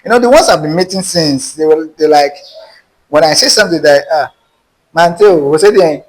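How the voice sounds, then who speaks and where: Captured on a low-quality recording, the voice is on the high side and moves at normal speed. It belongs to a Nigerian-accented guest animatedly telling a casual story about his dating life and acting out the exchanges.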